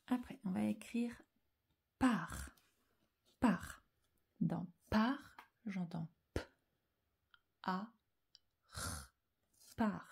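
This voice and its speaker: A woman teaching a slow spelling dictation to young children, calm and deliberate, repeating each syllable and often dropping into a whisper. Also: mid-range voice, creaky, breathy edge.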